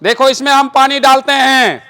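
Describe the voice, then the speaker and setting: High-voiced man doing magic. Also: normal speed, pushed and bright, clear, resonant tone. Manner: joking, directing a boy and the audience. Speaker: stage magician and rationalist speaker. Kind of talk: live magic demonstration with explanatory talk.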